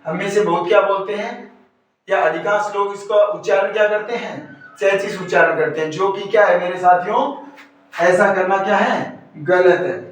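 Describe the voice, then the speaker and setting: This male teacher's voice sits high with a fairly bright tone as he runs a grammar lesson for exam prep. Over and over, he poses questions and supplies the answers himself, heard from a distance in a heavily echoing room.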